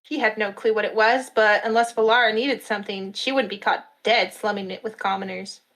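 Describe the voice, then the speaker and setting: A woman's voice: medium pitch, brisk, low-quality recording. Woman reading a story aloud. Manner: steady storytelling narration. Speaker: narrator. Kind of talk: live story reading at an online convention.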